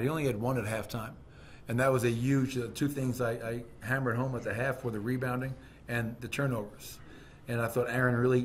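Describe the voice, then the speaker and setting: A middle-aged man with an average-pitched voice answers questions after a game, seated at a press-room table with a desk microphone. He talks candidly and conversationally, with plenty of fillers and restarts. A faint hiss sits under the recording. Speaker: basketball head coach. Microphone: desk microphone on a stand.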